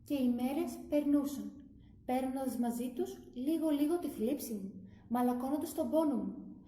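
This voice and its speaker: Female storyteller, high mellow voice, gentle children's read-aloud. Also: animated, roomy sound, a little hiss or hum. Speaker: kindergarten teacher.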